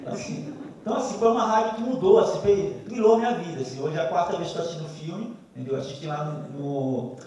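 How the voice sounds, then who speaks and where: A man's voice: fairly high pitch, fast, a little mellow, a little hiss or hum. A man from the audience giving an emotional, rambling testimony after a screening. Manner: emotional, rambling, repeats "assim". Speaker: audience member, radio listener. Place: screening hall. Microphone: distant hall microphone. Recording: echoey hall from far off.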